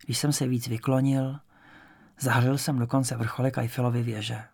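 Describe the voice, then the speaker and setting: A man narrating a first-person audiobook in a calm, reflective storytelling manner. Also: mid-range voice, vocal fry, husky, dry recording.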